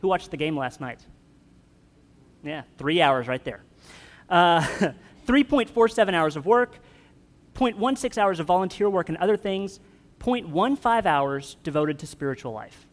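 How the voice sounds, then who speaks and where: A man's voice: sits high, expressive, unhurried. A man preaching a conversational sermon, joking with his congregation. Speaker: pastor. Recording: long hall reverb.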